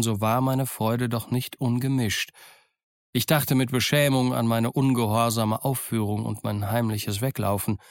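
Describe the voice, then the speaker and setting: A man reading a novel aloud in an even, measured storytelling manner. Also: medium pitch, no echo, studio quality. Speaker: audiobook reader. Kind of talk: scripted narration.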